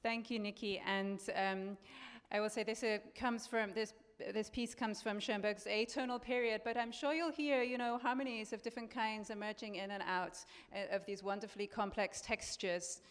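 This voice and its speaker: Woman, conductor, lecture, hesitant delivery, smooth resonant voice, long hall reverb. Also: medium pitch, fairly even intonation, moderate pace, few pauses. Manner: hesitant, many fillers and restarts. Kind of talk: pre-concert lecture.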